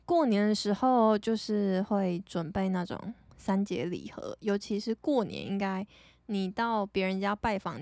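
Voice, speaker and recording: A young woman from Taiwan with a Taiwanese Mandarin accent, hosting a podcast and telling stories casually, chatty and animated, laughing often. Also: medium pitch, creaky, no echo. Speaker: podcast host. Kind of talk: casual storytelling monologue.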